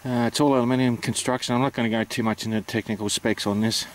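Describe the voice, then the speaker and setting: A man's voice: medium pitch, fairly even intonation, quick pace. A man with an Australian accent giving an informal, matter-of-fact explanation, hesitant and unscripted as he goes. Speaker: amateur radio operator presenting.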